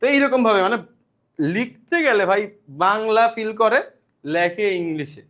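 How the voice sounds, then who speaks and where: A young man teaching an online exam-prep lesson. He explains step by step, asking quick rhetorical questions and answering them himself. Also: sits high, animated, a bit bright. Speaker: admission-prep tutor.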